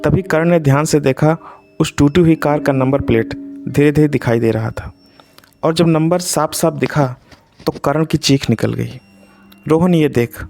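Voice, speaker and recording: A man telling a scripted horror story in a suspenseful, measured way. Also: a little high, gravelly, darkish tone, faint music behind.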